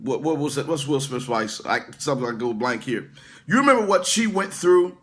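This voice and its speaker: Here the middle-aged pastor sounds animated and brisk, with a medium-pitched, slightly bright voice. He preaches informally on a livestream from an indoor room away from his usual location, stammering through restarts, adding asides and talking to commenters.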